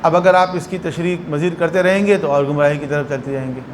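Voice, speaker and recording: A man with a high voice and a Pakistani Urdu accent teaches as a religious scholar. He explains verses and acts out short anecdotes to make his point. A faint hum of noise sits under the recording. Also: fairly even intonation. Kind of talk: religious lecture.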